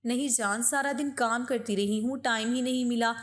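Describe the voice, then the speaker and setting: A woman's voice: a little high, steady tone, natural voice. A woman doing a timid young wife. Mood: meek. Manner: soft, timid.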